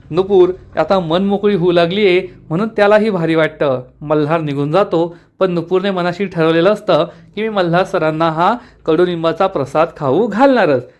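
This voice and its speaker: A man narrating a recap of a television serial episode, retelling the scenes in a steady storytelling manner. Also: high-pitched, highs cut off. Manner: steady retelling storyteller, reads every character's lines himself. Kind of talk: scripted narration.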